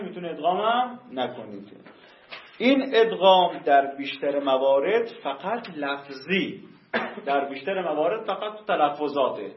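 A man's voice: a little high, a little hiss or hum. Guy teaching a grammar class, draws out words to stress them, echoey lo-fi room. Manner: drawn-out emphatic explanations, repeating terms. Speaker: teacher of Quranic Arabic grammar. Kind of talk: classroom lesson explaining rules. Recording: echoey room, dull lo-fi sound.

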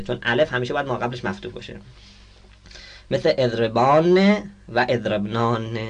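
A man teaching a grammar lesson, reading out Arabic text and explaining it, often asking the class questions and answering them himself. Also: on the high side.

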